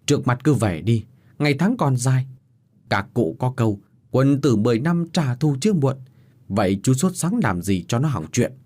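A man voicing a bitter, shrewd young farmhand in a spoken story, gruff and husky. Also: mid-range voice, expressive, moderate pace, darkish tone, close to an everyday voice. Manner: gruff, scolding.

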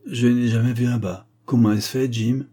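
A man voicing a pompous, educated young man who lectures his companion and is quick to take offense. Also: mid-range voice, fairly even intonation, warm tone, husky, close to an everyday voice. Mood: bantering. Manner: lecturing, indignant.

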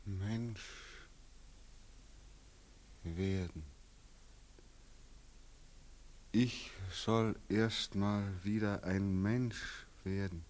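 A man's voice: fairly low pitch, fairly even intonation, quick pace, pauses often, sharp tone. An actor in a 1940s radio drama playing a bitter young man back from the war, who is drunk and sarcastic. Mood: bitter disbelief.

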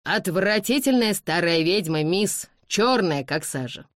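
A harried, servile footman frets and apologizes to his masters, as a woman reader puts him on. His delivery is lively, with a lot of rise and fall. The audiobook sound is dry and close. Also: on the low side, measured pace, no echo, pitched above the performer's own voice. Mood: fretful. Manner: apologetic, reporting nervously.

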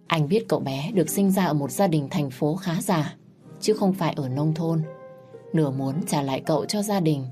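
A woman narrating a sad family story in a calm, even storytelling manner. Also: low-pitched, normal speed, faint music behind.

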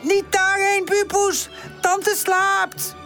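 A fussy little girl dog in a children's storybook, put on by a woman reading aloud, her voice pitched well above an everyday speaking level. She scolds and sighs in a lively, sing-song tone, with soft music playing behind her. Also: unhurried. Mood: alarmed. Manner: scolding, exasperated. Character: bossy tidy young female dog. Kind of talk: audiobook character voice.

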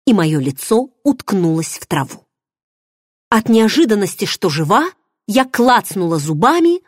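Expressive woman narrating an audiobook. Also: medium pitch, no echo, clean studio sound. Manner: expressive, dramatic storytelling. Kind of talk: first-person audiobook narration.

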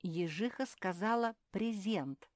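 A woman's voice: mid-range voice, takes it slowly, no room sound, studio quality, voice pushed up, close to an everyday voice. A woman voicing a wise, patient female owl who explains and sighs, in a storybook reading.

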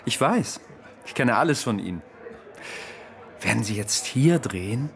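In a German radio drama, a male actor plays a government emissary of the Nazi regime who is flattering and insistent, polite and smoothly persuasive. His voice is mid-range and unhurried.

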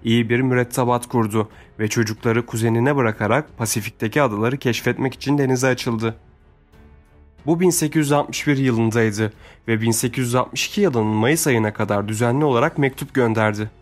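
A man reads an adventure story aloud in a steady, measured narration. His voice sits at a middling pitch, with soft music playing faintly behind. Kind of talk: scripted audiobook narration.

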